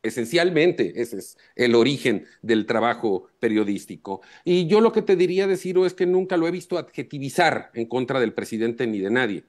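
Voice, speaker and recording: Guy, journalist on a live talk show, calm but firm analysis. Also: mid-range voice. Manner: measured, emphatic analysis. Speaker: journalist guest.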